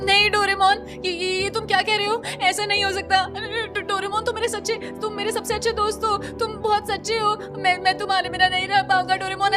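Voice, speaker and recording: A woman's voice: extremely high pitch, level tone, a little fast, few pauses, music in the background, voice pushed up. A woman voicing a whiny young schoolboy from a cartoon, pleading and childish. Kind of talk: cartoon dub voice demo.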